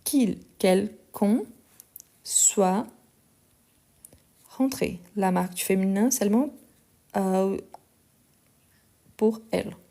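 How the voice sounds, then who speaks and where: Woman French teacher with a Lyon accent, live-stream grammar lesson, mellow and warm, deliberate and explanatory. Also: mid-range voice, gravelly. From France and Brazil. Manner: explanatory, repeats forms slowly, gets indignant answering critics.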